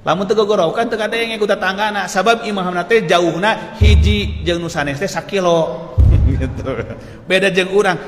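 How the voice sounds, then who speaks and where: Animated Sundanese man preaching in an echoey hall. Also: high-pitched, normal speed. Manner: animated storytelling, laughs often, shouts out quoted lines. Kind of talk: Sundanese sermon. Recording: echoey hall with faint noise.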